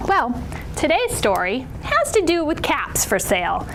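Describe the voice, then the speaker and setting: A woman with a fairly high, very animated voice presents and reads stories to children. She is playful and theatrical, like a kids' entertainer speaking straight to her audience. There is faint noise behind her. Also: a little slow. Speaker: children's storytime host. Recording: clear background noise.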